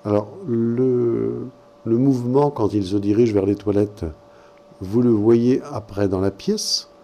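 A man hosting a radio show, asking a caller calm, probing questions. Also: mid-range voice, slow, creaky, slight background noise.

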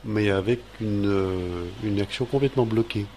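Low, dark-voiced male dream interpreter. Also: a little hiss or hum. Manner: measured, deliberate with many fillers. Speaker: radio host interpreting dreams.

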